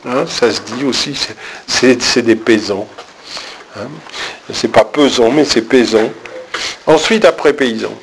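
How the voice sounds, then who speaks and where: A man's voice: medium pitch, measured pace, long pauses, a little hiss or hum, rough recording. A man teaching a diction lesson in French, explaining where to place stress and acting out lines with strong emphasis to show it. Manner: demonstrates stress by reading lines with heavy emphasis. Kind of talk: diction and text-reading lesson.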